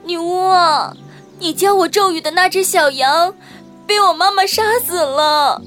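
A woman voicing a sweet, patient young girl in a children's audio story, soft-spoken and polite. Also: high voice, normal speed, faint music behind. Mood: tearful.

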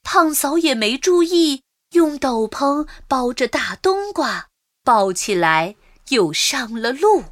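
A woman narrating a children's storybook in a gentle, lilting storytelling manner. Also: sits high, sing-song, slow pace, no echo, studio quality. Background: children's music.

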